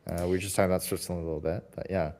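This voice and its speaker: A man's voice: sits low, level tone, racing, darkish tone, slight background noise. A man hosting a livestream podcast interview, upbeat and loose, with plenty of fillers. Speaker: podcast host.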